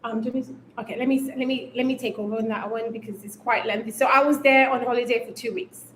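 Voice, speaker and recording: A woman's voice: fairly high pitch, fairly even intonation, fast talker, reverberant, a little hiss or hum, rough recording. A young woman from Kenya, raised in the UK, telling her story as a guest in a casual interview, with many ums. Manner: chatty storyteller with frequent ums. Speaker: guest, YouTuber.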